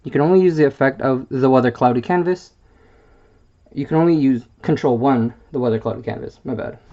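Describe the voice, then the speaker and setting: A man's voice: medium pitch, fairly quick, warm tone. A man with a mid-range voice reads card game rules aloud for a deck presentation. He stumbles over the wording, corrects himself and fills gaps with little hesitations. The sound is a bit dull and lo-fi, as from a simple home microphone. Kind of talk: reading card text aloud.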